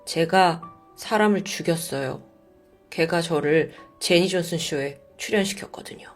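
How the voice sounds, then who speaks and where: A woman giving voice to a nervous, ashamed young man, speaking low and quietly. The voice stays close to her own storytelling tone, with soft music underneath. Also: unhurried.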